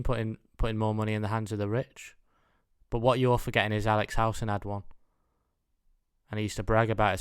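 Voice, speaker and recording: This comedian, a British man in his mid twenties with his own show, rambles through a monologue played with deadpan mock-earnestness. His lowish voice is smooth, captured in studio quality with no room sound.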